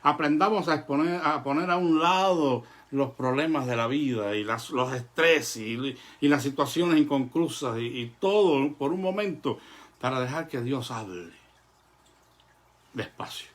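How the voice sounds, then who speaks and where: A man preaching a sermon to his congregation in an earnest, measured way, pausing often and filling gaps with "eh". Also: fairly high pitch. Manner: earnest, measured delivery with pauses and "eh" fillers; addresses the congregation as brothers.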